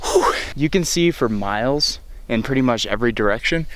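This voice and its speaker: A young man vlogging casually from a mountain bike trail outdoors, chatty and excited, rambling with fillers, at times out of breath. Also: mid-range voice, normal speed, a little hiss or hum. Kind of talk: casual travel vlog.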